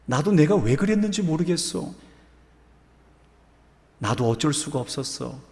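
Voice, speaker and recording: A pastor voicing a scorpion that apologizes softly and sheepishly. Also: male voice, a little high, animated, measured pace, long reverb tail, pitched above the performer's own voice. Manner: soft, apologetic.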